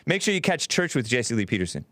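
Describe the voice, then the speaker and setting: A man's voice: mid-range voice, sing-song, quick pace, sharp tone, no room sound. A man hosting a call-in radio show, talking casually on a close studio microphone. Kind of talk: casual talk radio conversation.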